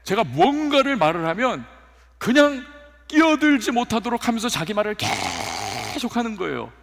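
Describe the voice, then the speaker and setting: A male pastor delivers a sermon in a church, telling his stories with acted-out quotes. His voice is somewhat high and gravelly, and it rings with a long hall reverb. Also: normal speed. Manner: animated storytelling with acted quotes. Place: church sanctuary.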